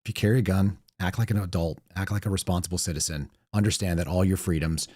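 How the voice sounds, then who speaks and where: An American man hosting a casual solo talk show, his voice raspy, reedy and hoarse. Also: low voice, fairly even intonation, fast talker, a little mellow, no room sound, clean studio sound. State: hoarse, voice partly lost. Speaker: podcast host.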